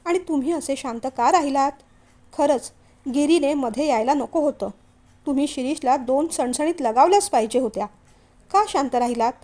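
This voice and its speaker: A woman's voice: sits high, moderate pace, dark tone, close to an everyday voice. A woman voicing an older mother who demands answers from her husband in an indignant, questioning way.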